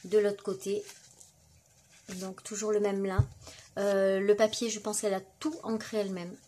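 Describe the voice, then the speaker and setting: With a dark, medium-pitched voice and flat delivery at a normal speed, a middle-aged crafting YouTuber casually presents the mail she received. She chats along with plenty of fillers and words of admiration.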